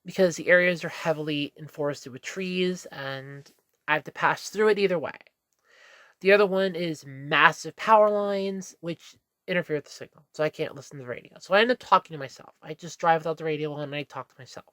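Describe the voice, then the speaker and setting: In a casual rambling vlog filmed in a room at home, a stuffy-nosed woman talks candidly to camera and corrects herself as she goes. Her voice is deep yet fairly bright in tone, a little fast, with no echo.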